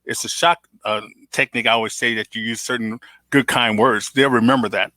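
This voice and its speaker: Affirming male host with a bright, dry voice. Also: mid-range voice, fairly even intonation, a little fast, no echo. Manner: affirming, conversational. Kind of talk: interview conversation.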